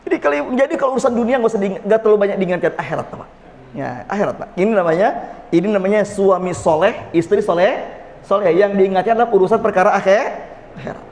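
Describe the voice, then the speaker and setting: A man's voice: sits high, fast, a little mellow. A man preaching a folksy, joking mosque sermon, often calling on his listeners directly. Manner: folksy, jokes with the audience, addresses "Pak". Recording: long reverb of a mosque hall.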